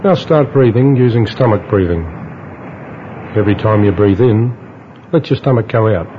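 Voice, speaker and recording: Male relaxation guide, slow hypnotist delivery with long pauses, lowish pitch, dull lo-fi sound. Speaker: relaxation instructor. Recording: dull lo-fi audio with faint noise.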